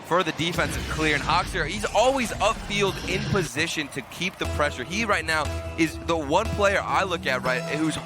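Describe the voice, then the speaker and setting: A man's voice: a little high, normal speed, few pauses, music in the background. A man giving esports colour commentary as a caster, explaining plays in a conversational way.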